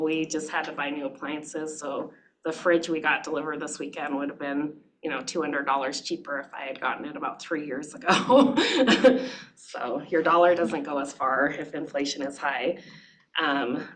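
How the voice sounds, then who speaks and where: Woman, low voice, brisk board-meeting presenter, matter-of-fact, faint background noise. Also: fairly bright tone, low-quality recording.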